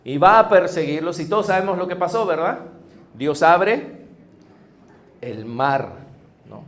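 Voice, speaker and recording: A man's voice: sits high, expressive, measured pace. A male pastor with a Peruvian Spanish accent, preaching a conversational sermon with frequent tag questions and repeated phrases.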